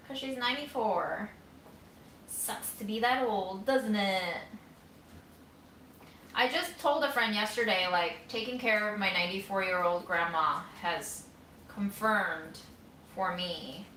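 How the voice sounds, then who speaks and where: A woman's voice: mid-range voice, pushed and bright, slight background noise. A woman in her thirties vlogging in her kitchen while cooking, musing candidly and wryly in a rambling, casual way. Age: 30s. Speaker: vlogger caring for her grandmother. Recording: roomy sound, mic at a distance.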